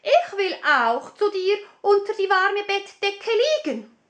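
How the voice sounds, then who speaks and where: A woman doing a high croaking little frog. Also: expressive, slow pace, a bit bright, full character voice. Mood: insistent. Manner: croaks "quack" between words, high and insistent. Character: pleading little male frog, persistent. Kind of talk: fairy tale storytelling.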